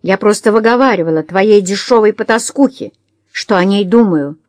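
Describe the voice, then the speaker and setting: Drunk, spiteful society lady, read by a woman, shrill jeering insults, dry close sound. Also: darkish tone, dry recording, natural voice. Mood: furious. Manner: shrill, jeering, slow and scornful.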